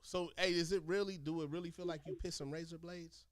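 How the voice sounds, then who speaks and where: A man telling stories casually in animated, profane street slang, talking like a streetwise former inmate. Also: on the high side, quick pace. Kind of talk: casual storytelling chat.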